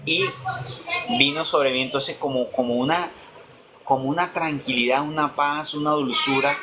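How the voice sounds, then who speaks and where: A man's voice: fairly high pitch, moderate pace, noisy background. A man telling his conversion testimony, acting out the dialogue he quotes. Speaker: testimony speaker.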